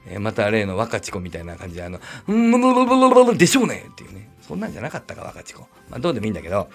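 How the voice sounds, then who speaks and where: A middle-aged man with a gravelly, slightly husky voice tells a personal story in a loose, rambling podcast chat. His pitch swings freely up and down as he adds wry asides, and soft music plays faintly behind him. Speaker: podcast host. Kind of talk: casual storytelling monologue.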